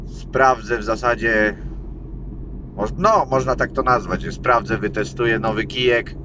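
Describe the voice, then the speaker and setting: Male vlogger, 30s, slow casual delivery, muffled audio recorded in a moving car with loud road rumble. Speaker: fishing vlogger. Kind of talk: casual vlog chat while driving. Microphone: camera mounted on dashboard.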